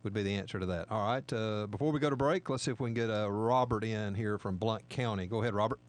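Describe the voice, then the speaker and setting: Fast-talking male radio host, lowish voice. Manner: courteous but brisk, moving callers along. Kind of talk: radio call screening, casual hosting.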